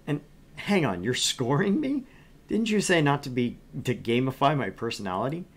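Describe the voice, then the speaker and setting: A man streams a game, chatting casually and jokingly as he plays and reads along. His medium-pitched voice swings widely in pitch at a moderate pace.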